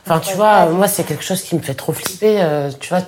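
Woman, lowish voice, blunt, uneasy, casual chat. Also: brisk, a little mellow, slight background noise. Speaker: co-host.

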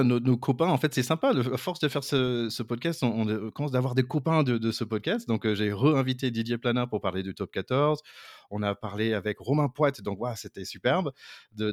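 A man's voice: on the low side, no echo, studio quality. A middle-aged American man co-hosting a casual podcast in his second language, with many fillers and restarts. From United States. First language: English. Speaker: podcast co-host.

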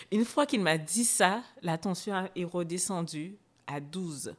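Speaking a little slowly in a fairly low, expressive voice, a young adult woman appears as a podcast guest. She relates a personal experience emotionally, hesitating frequently with fillers and restarts.

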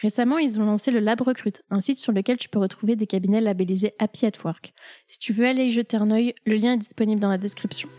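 A woman's voice: mid-range voice, fast, warm tone, no room sound. A woman hosting a podcast interview, speaking with many hesitant fillers, recorded in a coworking space. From Brittany. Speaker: podcast host. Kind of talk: conversational interview.

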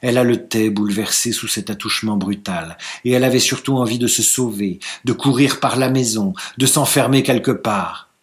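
A man reading a classic novel aloud, measured and unhurried. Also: medium pitch. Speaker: reader.

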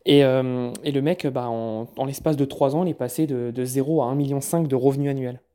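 A man's voice: mid-range voice, steady tone, fairly quick, warm tone. A man from France recapping events in a casual vlog, chatty, often stumbling and repeating words. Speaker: vlogger.

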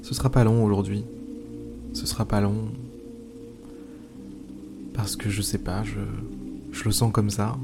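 A man hosting an improvised guided meditation, pausing often, repeating phrases and slipping into informal asides. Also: on the low side, level tone, creaky. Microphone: speaking into a microphone. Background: music.

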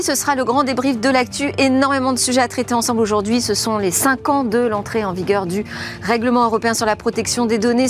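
A fairly high-voiced woman hosts a tech program. She runs through the topics and guests in a brisk, lively way, with the odd filler. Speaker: TV tech show host. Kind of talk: broadcast show hosting and interviewing.

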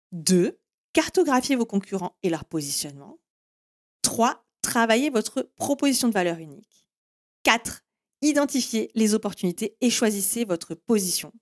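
A woman hosting a marketing podcast, explaining steps in a didactic way with self-deprecating asides. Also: on the high side. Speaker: marketing agency host.

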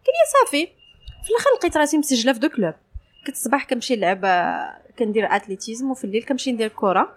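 A woman's voice: on the high side, big pitch swings, racing. A woman with a Moroccan Arabic accent, telling her story casually as an interview guest and mixing French phrases into her speech. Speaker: interview guest, sports journalist.

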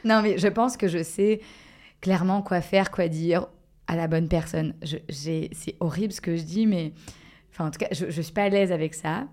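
A woman talks as a guest on a podcast, her voice sitting a little low. She thinks aloud, circling back and restarting her sentences with many fillers as she works out what she means. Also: warm tone. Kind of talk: casual podcast conversation.

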